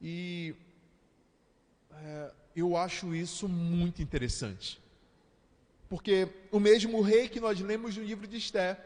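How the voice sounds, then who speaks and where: A man's voice: high-pitched, big-room sound. A man with a Brazilian Portuguese accent, preaching a sermon as pastor in a conversational way, speaking straight to his listeners.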